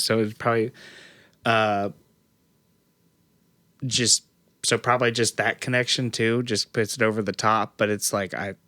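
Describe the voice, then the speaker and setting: Man, low voice, casual podcast co-host, loose rambling delivery full of fillers, dry close sound. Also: sharp tone, dry recording. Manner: rambling, many fillers and restarts. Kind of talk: casual chat.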